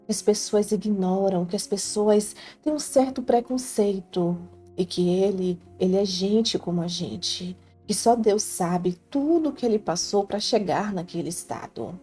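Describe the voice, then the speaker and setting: Faint music underlies this scripted first-person life story told by a woman with a Brazilian Portuguese accent. Her tone is earnest, heartfelt, and confiding, and her voice is medium-pitched and warm at a measured pace.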